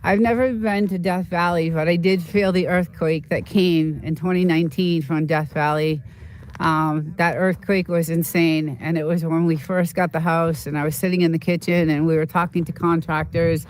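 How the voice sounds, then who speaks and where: A livestream host from Boston, United States, chats with viewers in a rambling, easygoing way, drifting from story to story with lots of "uh" and "you know." His comfortable mid-range voice keeps a steady tone at a normal speed.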